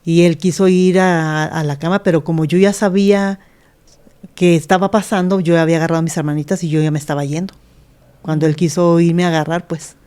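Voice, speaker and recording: A woman's voice: fairly low pitch, fairly even intonation, fairly quick, warm tone, clear, resonant tone. A middle-aged woman, a pastor, telling her life story in an earnest interview and acting out the voices of the people in it. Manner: earnest, retells scenes by acting out quoted speech. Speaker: pastor, guest.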